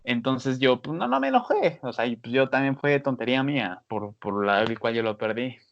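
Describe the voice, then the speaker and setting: A man talks through stress advice in a loose, animated podcast style, full of fillers. His voice sits in a middle register. The recording is dull and lo-fi. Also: mid-range voice, normal speed, creaky. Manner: animated, many fillers, acts out scolding voices. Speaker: podcast panelist. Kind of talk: casual podcast advice talk. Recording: dull lo-fi sound.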